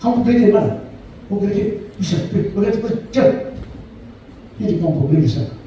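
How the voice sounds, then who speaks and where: Echoey, high-pitched preacher man. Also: quick pace, highs cut off, a little hiss or hum. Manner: animated preaching, punctuated by calls of amen and hallelujah. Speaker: pastor. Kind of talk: sermon. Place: church hall. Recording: echoey church hall, from far off.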